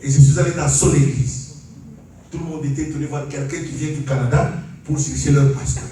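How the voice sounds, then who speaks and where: A man from Congo (DRC) preaches a sermon and gives his testimony, calling on the congregation to say amen and laughing as he preaches. His voice is a little high, mellow and steady, fairly quick, with a little hiss or hum, recorded from far off in an echoey large church hall.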